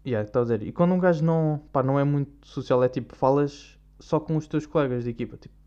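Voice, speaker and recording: A young man with a European Portuguese accent hosts a podcast, rambling through a slang-heavy, casual monologue. He speaks fast at medium pitch with a dark tone, on a dull lo-fi recording.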